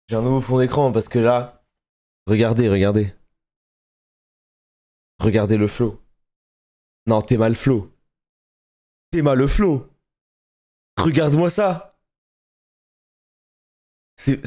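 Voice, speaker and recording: A man streaming live, chatting casually and excitably with his viewers, laughing often and swearing casually. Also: mid-range voice.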